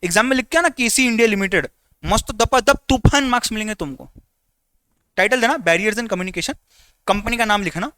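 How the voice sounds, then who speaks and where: A male teacher runs a live online class, teasing his students and repeating what they should write down. His voice sits high and swings widely in pitch. It has a bright edge and is recorded dry and close. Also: fairly quick, clear, resonant tone, dry recording. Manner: lively, teasing, repeats instructions.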